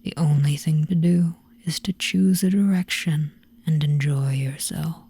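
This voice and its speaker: A performer voicing a sly, teasing, gentle cat in a hypnotic roleplay, with a slow, breathy, coaxing whisper. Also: medium pitch, fairly even intonation. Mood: softly coaxing.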